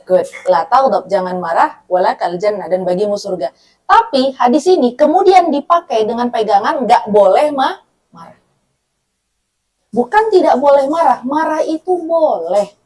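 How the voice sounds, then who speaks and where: Woman, religious talk, fairly high voice, conversational, checks in with the audience. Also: animated, moderate pace, a little mellow. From North Sumatra, Batak. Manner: acts out dialogue, laughs often. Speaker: Islamic women's study speaker.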